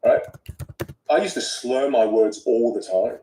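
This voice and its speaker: A man with an Australian accent, a guest speech coach whose first language is Vietnamese, talking in an animated, emphatic way. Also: mid-range voice, measured pace, slight background noise. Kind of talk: casual conversation. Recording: roomy echo.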